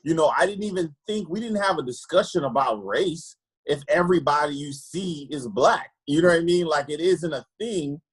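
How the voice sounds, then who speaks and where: Husky-voiced man from Trinidad, earnest. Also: a little high, rough recording. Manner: earnest, repeats words while searching for them. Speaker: optometrist guest. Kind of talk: candid personal storytelling.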